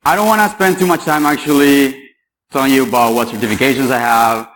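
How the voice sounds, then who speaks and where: A man's voice: medium pitch, brisk, fairly bright tone, poor audio. Joking man from Paraguay. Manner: joking, chatty, quizzes the audience. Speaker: conference speaker. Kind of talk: security conference talk. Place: conference hall.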